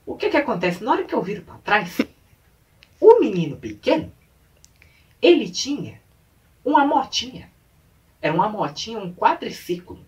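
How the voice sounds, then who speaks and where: Lively man telling a story, slightly off-mic. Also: high voice, moderate pace, long pauses, recorded from a distance. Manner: animated, acts out sounds and voices. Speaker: vlogger. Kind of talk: storytelling vlog. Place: indoors at home late at night.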